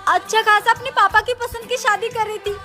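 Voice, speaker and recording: A woman playing a sharp-tongued, quarrelsome young wife in a comic family skit, sulky and combative. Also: very high-pitched, steady tone, a little fast, over music.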